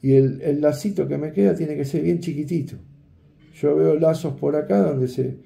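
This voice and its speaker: At a workroom table, an older man with a slightly high, gravelly, warm voice demonstrates a fishing rig at a moderate pace. The tutorial is hands-on and chatty, and he keeps asking his viewers "¿eh?" and "¿ves?". The recording has a roomy quality.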